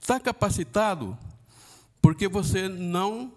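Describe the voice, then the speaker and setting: A Brazilian man teaching Sunday school in a fairly high voice that rises and falls widely. He talks haltingly, full of fillers and tag questions, and now and then acts out the voices of the people he quotes. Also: expressive. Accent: Brazilian Portuguese. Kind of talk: church Bible lesson.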